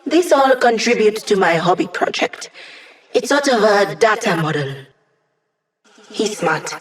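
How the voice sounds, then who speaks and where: A woman's voice: medium pitch, lightly acted. An actress playing a quirky young female hacker who lives inside computer networks, chatty, wry and techy, in a video game. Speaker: mission support character giving tips and updates.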